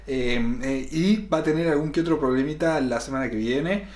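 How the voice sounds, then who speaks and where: A man's voice: on the high side, moderate pace, darkish tone, echoey room. A young man casually reviewing a TV episode, thinking aloud with fillers while seated at a camera. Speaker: series reaction host. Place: room lined with collectible shelves. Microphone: fixed camera, seated facing it.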